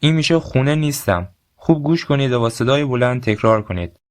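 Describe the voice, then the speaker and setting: A man teaching a recorded language lesson, explaining grammar and saying short phrases slowly for learners to repeat. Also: mid-range voice, lively intonation. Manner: slow, deliberate drill phrases.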